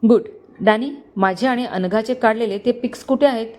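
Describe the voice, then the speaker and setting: A woman's voice: on the high side, normal speed, lightly acted. A woman voicing a smug scheming con man. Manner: calm, mocking, smug. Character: cocky scheming young male con man, cool.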